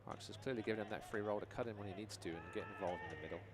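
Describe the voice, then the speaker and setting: A man's voice: fairly low pitch, racing. A man giving conversational analysis as color commentator on a live soccer match. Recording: outdoor stadium noise behind. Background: outdoor stadium ambience.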